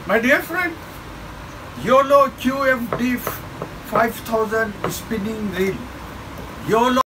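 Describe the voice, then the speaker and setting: Older man, high voice, slow deliberate delivery, salesman pitch, shop noise behind. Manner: repetitive, persuasive salesman patter, urging viewers to buy. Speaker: fishing tackle shop seller. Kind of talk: product showcase sales pitch. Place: small shop packed with shelves, indoors.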